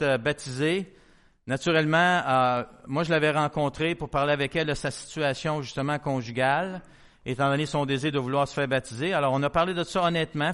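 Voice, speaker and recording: A man's voice: on the high side, clear, resonant tone. A middle-aged man with a Québécois French accent, a pastor telling a story in a sermon and acting out the dialogue. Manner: lively storyteller who acts out quoted dialogue. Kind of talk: testimony-style sermon storytelling.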